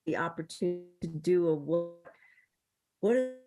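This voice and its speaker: A woman council member speaking in a meeting over a video call whose connection keeps breaking up, candid and halting. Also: fairly low pitch, lively intonation, over music. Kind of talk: meeting discussion.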